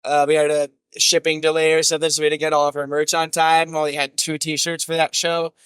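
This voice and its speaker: Laid-back, bright-voiced male guest. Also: fairly high pitch, monotone, quick pace, clean tone, no room sound. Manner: laid-back, rambling, swears casually. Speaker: guest musician. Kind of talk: casual storytelling.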